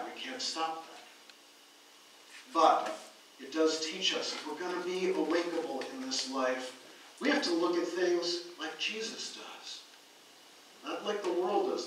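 An American man preaching a sermon as pastor, telling stories and moving between loud emphasis and quiet asides. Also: a little high, a little hiss or hum. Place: church sanctuary. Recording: echoey church hall from far off.

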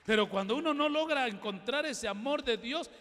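High-voiced pastor preaching emphatically. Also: male voice, expressive, moderate pace, a faint crowd. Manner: emphatic preaching, swinging from loud exhortation to quiet asides. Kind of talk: sermon. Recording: long hall reverb.

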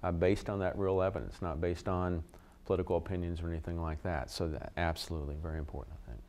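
A man's voice: low voice, steady tone, fast, a little mellow. A man, a library director, speaking earnestly on a panel, with frequent restarts. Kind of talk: panel discussion.

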